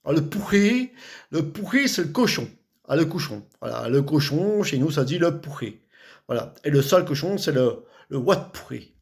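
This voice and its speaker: A man's voice: on the high side, sing-song, normal speed, vocal fry. Chatty man with a Vosges accent. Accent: Vosges French. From Vosges, France. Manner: chatty, repetitive, many fillers and restarts. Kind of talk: casual vlog explaining local words.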